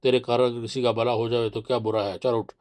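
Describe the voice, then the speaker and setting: A man's voice: mid-range voice, flat delivery, brisk, a little mellow, lightly acted. Man voicing a sly, pushy village man. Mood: insistent. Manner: coaxing and pushy. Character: sly, insistent village man, fake-friendly. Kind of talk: audiobook character voice.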